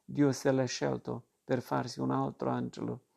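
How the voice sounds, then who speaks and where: Superstitious serious woman read by a man, gravelly flat delivery, storybook reading. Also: mid-range voice, normal speed. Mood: earnest. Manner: grave, insistent reasoning. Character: earnest superstitious woman of the household.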